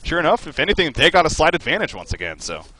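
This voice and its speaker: A man's voice: a little high, very animated, fast, pushed and bright, poor audio. A man casting a live game over a voice call, analysing at length with lots of fillers and hedges. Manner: hedging, talkative analysis with many fillers. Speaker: esports caster. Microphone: headset over voice call.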